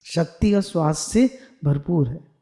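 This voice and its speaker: With a low, warm voice and lively intonation at a measured pace, this spiritual teacher guides her video-call audience through repeat-after-me affirmations, switching between Hindi and English phrases.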